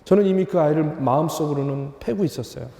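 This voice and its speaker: A young male pastor preaching a sermon, telling a story with lively humor in a church. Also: fairly high pitch, fast talker, creaky, background noise. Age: young adult. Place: church sanctuary. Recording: reverberant church hall.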